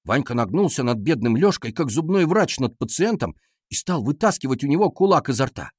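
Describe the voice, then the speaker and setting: A man reading a children's story aloud as scripted narration, lively and expressive. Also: medium pitch, a little fast, husky, no room sound, studio quality. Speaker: audiobook reader.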